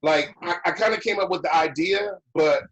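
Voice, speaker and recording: Relaxed male host, slightly higher voice, easygoing "copy that" call-and-response. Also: moderate pace, slight background noise, poor audio. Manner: relaxed, repeats "copy that" radio-style. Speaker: online lodge meeting host. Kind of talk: casual meeting chat.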